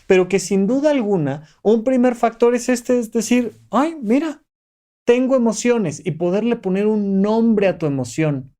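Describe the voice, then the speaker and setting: A man's voice: high-pitched, mellow. Didactic man hosting podcast. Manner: didactic, enumerates steps, coaxing tone with listener. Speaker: podcast host. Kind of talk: motivational podcast monologue.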